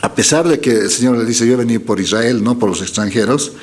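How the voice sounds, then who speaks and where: A man's voice: mid-range voice, fast talker. A male preacher giving a sermon, reading scripture aloud and asking the congregation questions. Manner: lively, rising emphasis on quoted lines. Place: church gathering.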